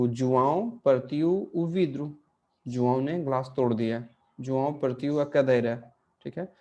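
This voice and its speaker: A man's voice: medium pitch, warm tone, muffled recording. A man teaching an online language class, explaining grammar step by step and answering his own questions.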